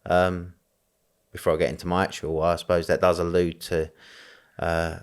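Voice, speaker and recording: Deep-voiced East London man. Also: completely flat delivery, moderate pace, clean tone. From East End of London, England. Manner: rambling, frequent fillers, laughs easily. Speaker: guest. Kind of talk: conversational interview.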